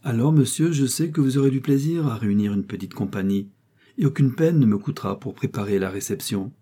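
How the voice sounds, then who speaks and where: A man's voice: medium pitch, animated, brisk, warm tone, breathy edge. A man voicing an anxious elderly housekeeper, a woman who talks in a fretful, worried way.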